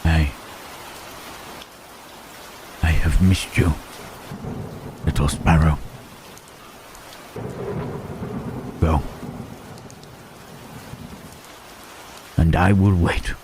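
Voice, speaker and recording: A man playing Frankenstein's monster as a lonely, gentle creature in intimate ASMR roleplay, halting and tender, with formal wording. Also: extremely low pitch, fairly even intonation, slight background noise. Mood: tender, patient. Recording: rain and thunder behind the voice. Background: rain and thunderstorm.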